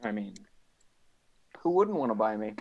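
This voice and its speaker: A man's voice: fairly low pitch, very animated, normal speed, darkish tone, dull audio, a little hiss or hum. A man playing a tabletop game on a live stream, talking in character with lots of hesitation and trailing off. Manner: hesitant, full of ums and trailing off. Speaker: player.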